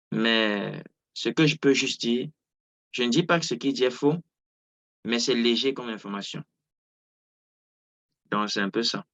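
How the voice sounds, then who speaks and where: A man's voice: mid-range voice, fairly bright tone. A man coaching on trading over a video call, explaining in a hesitant, casual way with frequent fillers. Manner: hesitant, many fillers and restarts. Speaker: trading coach hosting a Zoom session.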